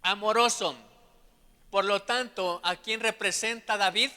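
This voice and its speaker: A man preaching a sermon as pastor, swelling into loud passages full of questions to the congregation and then dropping to soft asides. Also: high-pitched, measured pace, clean tone. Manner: drops to a soft aside tone between shouted passages. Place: church sanctuary. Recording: long church hall reverb.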